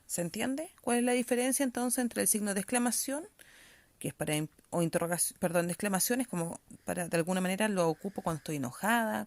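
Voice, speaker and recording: A woman's voice: medium pitch, gravelly, dry recording. A woman teacher leads a reading-comprehension lesson at a patient, explanatory pace. She keeps checking in with her pupils as she goes. The recording is close and dry, with no room sound.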